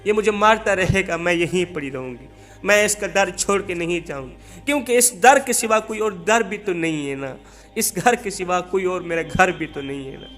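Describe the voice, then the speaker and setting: Wronged pleading wife, voiced by a male preacher, soft and high. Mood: pleading sorrowful.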